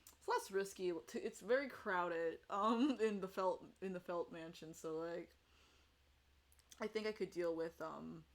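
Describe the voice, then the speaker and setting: Hosting a relaxed fan panel game online, a woman talks a little slowly in a voice on the low side. Her livestream chat is rambling and full of laughter and self-corrections.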